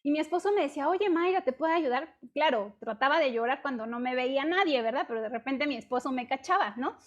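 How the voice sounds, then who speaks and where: A high-pitched, middle-aged woman with a Mexican accent preaches to a women's group in a relaxed, conversational way. She keeps pulling her listeners in with quick questions as she talks, and she acts out her own past complaints as little bits of dialogue. She is heard over a video call. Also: lo-fi sound. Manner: chatty, peppers talk with rhetorical questions. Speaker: women's ministry speaker. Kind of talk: conversational testimony sermon.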